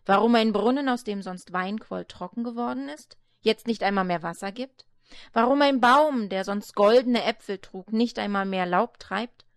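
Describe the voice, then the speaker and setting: A woman's voice: mid-range voice, normal speed, no room sound, lightly acted. A woman voicing an earnest young man on a quest in a read-aloud fairy tale.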